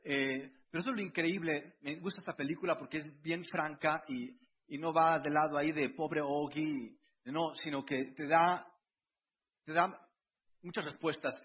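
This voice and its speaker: A man's voice: a little high, fairly even intonation, moderate pace, husky. A middle-aged man, preaching a conversational sermon with personal stories and frequent restarts. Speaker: pastor. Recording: dull lo-fi sound.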